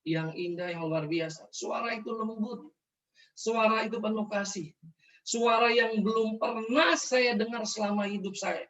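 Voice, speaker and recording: A man's voice: sits high, measured pace, a bit bright. A man preaching an emotional testimony in a fervent, repetitive storytelling manner. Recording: distant mic, dull lo-fi sound.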